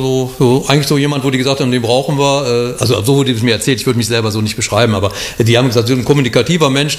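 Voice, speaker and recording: A middle-aged man from Cologne telling his life story in an interview, rambling with many fillers and restarts. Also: medium pitch. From Cologne, Germany. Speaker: guest, bar owner and musician.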